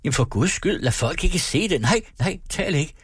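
A man's voice: on the low side, lively intonation, breathy edge, dry recording, studio quality. A man reading a novel aloud, voicing a jealous husband who is curt and talks down as if to a child. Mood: fussing.

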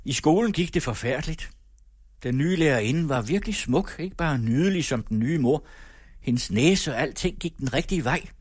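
A man reading a literary novel aloud in a measured storytelling manner. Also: a little high, lively intonation, no echo, studio quality. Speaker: audiobook narrator.

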